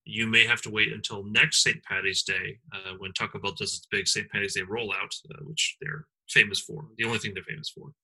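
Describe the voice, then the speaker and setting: A man's voice: fairly low pitch, a little fast, vocal fry, few pauses, sharp tone, slightly rough, low-quality recording. A man co-hosting a comedy podcast, rambling with lots of fillers and ironic asides. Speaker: podcast co-host.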